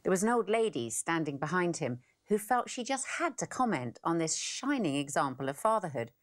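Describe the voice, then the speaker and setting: A woman co-presenting a parenting course in expressive, scripted narration. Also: lowish voice, a little fast.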